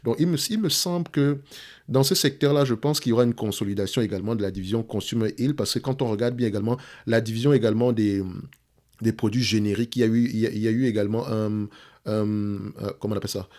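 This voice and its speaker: A man's voice: on the low side, fairly even intonation, fast, darkish tone. A man whose first language is French, hosting a stock analysis walkthrough over a shared screen. He hesitates often, repeats words and keeps checking in with his viewers, and speaks English with a French accent. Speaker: investment analyst, channel host.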